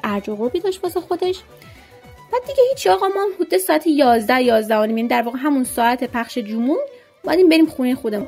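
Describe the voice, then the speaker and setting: High-voiced woman recounting a childhood memory. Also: dark tone.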